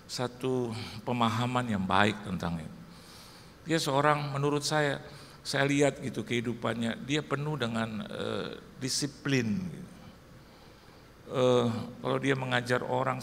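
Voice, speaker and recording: A man's voice: mid-range voice, vocal fry, a bit bright, a little hiss or hum. A middle-aged male guest pastor giving a humorous, storytelling sermon to his congregation. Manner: storytelling, joking, addresses listeners as Saudara. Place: large church auditorium. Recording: echoey hall with faint ambience.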